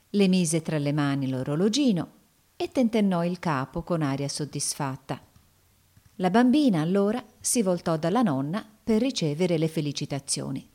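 A woman narrating a children's story aloud in a measured, expressive way. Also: lowish voice. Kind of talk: storybook reading.

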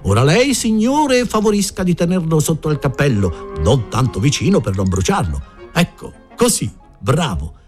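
A man's voice: on the high side, very animated, moderate pace, a little mellow, faint music behind, pitched above the performer's own voice. A man voicing a cheeky young boy who shows off a trick with bossy, playful instructions.

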